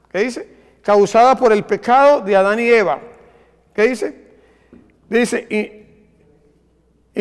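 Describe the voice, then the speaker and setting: Male preacher, very high voice, call-and-response questions, long church-hall echo. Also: clear, resonant tone. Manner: asks the congregation questions and answers them. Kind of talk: sermon.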